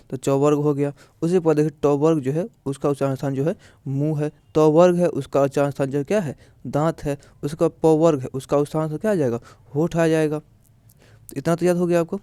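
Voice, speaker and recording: A man teaching a classroom grammar lesson, his voice pitched a little high yet soft and warm in tone. He explains step by step, repeating himself and asking questions he then answers. The sound is dry, with no room echo. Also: smooth. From India. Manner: repetitive, explaining step by step with filler phrases.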